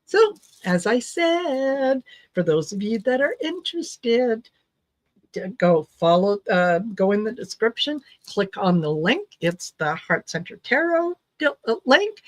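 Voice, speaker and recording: A woman's voice: fairly high pitch, sing-song, measured pace. A middle-aged woman from Croatia, raised in Canada, hosting a tarot livestream and chatting casually with viewers, hesitant, with many ums and easy laughs. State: recovering from low blood sugar, tired. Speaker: tarot reader and livestream host.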